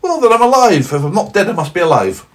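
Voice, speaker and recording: A man putting on a high, chirpy snowman. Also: very animated, fast talker, recorded from a distance. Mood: indignant. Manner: high, bouncy, mock-indignant questions. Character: cheery chatty male snowman, indignant.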